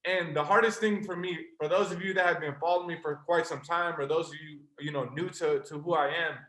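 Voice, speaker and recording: A young adult man, a trading mentor, gives an earnest, passionate motivational sales pitch to a live online call, speaking straight to his listeners. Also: fairly even intonation, a little fast, pushed and bright. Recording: roomy echo.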